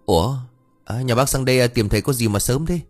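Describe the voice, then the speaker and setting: A man voicing a cheeky, gossipy young village man who talks high and whiny, speeding up when upset. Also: fast talker, soft background music, natural voice. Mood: chatty.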